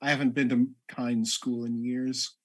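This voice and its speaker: A man's voice: mid-range voice, level tone, measured pace. A man playing casually in character in a tabletop game, sarcastic and sweary. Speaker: player.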